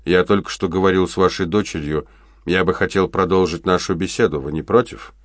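A man voicing a calm, polite police chief who speaks in a measured way. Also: sits low, dry recording, studio quality, close to an everyday voice. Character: calm pipe-smoking male police chief, patient.

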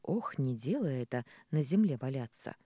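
A gruff, teasing village man, read by a male narrator. His dark, mellow voice moves up and down freely as he grumbles wryly. The sound is close and dry. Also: medium pitch, big pitch swings, normal speed, no echo.

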